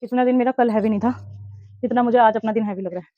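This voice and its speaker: High-voiced chatty mom, dull dry recording. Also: female voice, fairly even intonation, very fast, dry recording. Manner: chatty, talks to herself and scolds kids between tasks. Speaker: mother and home vlogger. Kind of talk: casual home vlog while doing chores. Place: home indoors.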